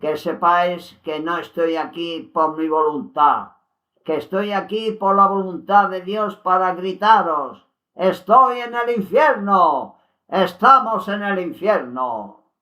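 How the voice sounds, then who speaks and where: A man's voice: high-pitched, slow pace, pushed and bright, voice pushed up, exaggerated voice, poor audio. Man reading as a cursing condemned soul. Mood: bitter. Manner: declaiming, cursing.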